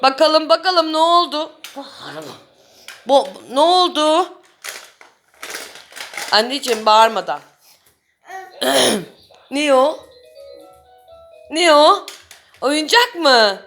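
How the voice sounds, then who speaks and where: A woman's voice: high voice, expressive, slow, long pauses, a bit bright, soft background music. A young mother talking to her small children in a casual family vlog, coaxing and cooing at them.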